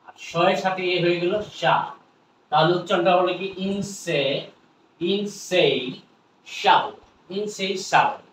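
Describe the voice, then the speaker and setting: A Bangladeshi man teaches pronunciation at a slow, careful pace, saying each word over and over and checking in with his viewers. His voice sits a little high for a man. He sounds a bit far from the mic in a roomy space with a faint hiss. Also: a bit bright. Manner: slow, repetitive drilling with frequent questions to viewers. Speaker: spoken English teacher. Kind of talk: pronunciation lesson.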